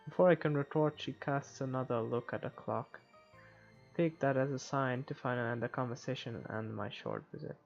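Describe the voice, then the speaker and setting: A creaky mid-range voice moves fairly quickly through visual novel narration, mixing in offhand commentary and now and then stumbling. This game playthrough recording is muffled, with game music in the background.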